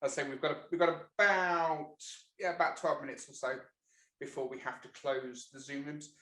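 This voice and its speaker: A man hosting an online meeting, enthusiastic and halting, often repeating words. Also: fairly high pitch, steady tone, sharp tone, roomy sound, rough recording. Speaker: host.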